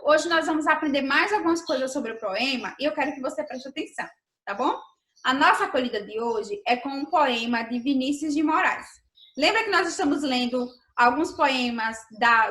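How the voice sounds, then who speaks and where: A woman's voice: sits high, bright, forceful tone, roomy sound. A Brazilian woman teaching a primary school class in a remote lesson, patient and explanatory, often checking in with the children. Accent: Brazilian Portuguese.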